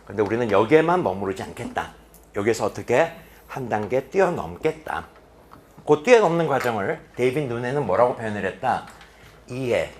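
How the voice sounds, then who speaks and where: In a classroom at a boarding academy, a mid-range male voice leads an English reading lecture over a little hiss or hum. He's animated, posing questions to students and supplying the answers himself, then suddenly dropping quiet for emphasis.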